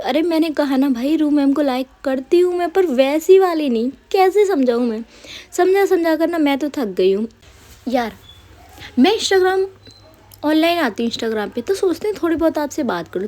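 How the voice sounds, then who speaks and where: High, mellow-voiced young woman storyteller. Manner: chatty, exasperated asides to fans. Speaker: audio story narrator. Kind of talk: casual chat then story narration.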